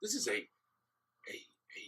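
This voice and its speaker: A man's voice: slow, sharp tone. A man co-hosting a podcast, giving playful, joking advice in casual chat. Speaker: podcast co-host.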